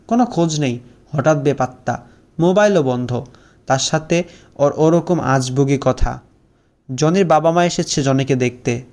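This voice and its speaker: A man's voice: a little high, darkish tone. A young man narrating a first-person story, with a sorrowful, heartfelt storytelling manner.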